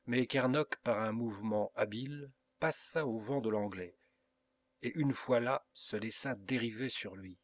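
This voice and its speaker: An unhurried man with a mid-range voice narrates a classic adventure novel for an audiobook, delivering it expressively and dramatically.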